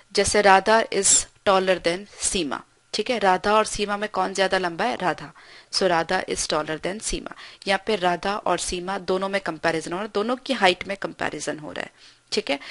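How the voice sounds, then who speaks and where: Female grammar tutor, mid pitch, patient and explanatory, recorded dry and close. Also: a bit bright, dry recording. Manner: explains patiently, reads example sentences slowly; frequent checking "ठीक है". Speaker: English grammar teacher.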